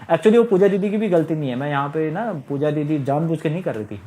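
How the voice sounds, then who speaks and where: His voice is a little high and dark in tone, and here he's animated and fast. The middle-aged man keeps rambling through the personal story of his marriage, aggrieved and repeating himself, in a casual spoken monologue.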